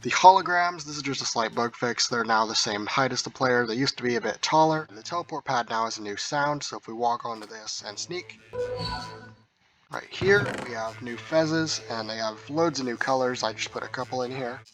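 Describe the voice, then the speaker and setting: A man casually walking through a game mod update, rambling with frequent ums, heard through low-quality audio capture. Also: moderate pace, music in the background. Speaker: mod review video host. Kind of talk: casual gameplay walkthrough.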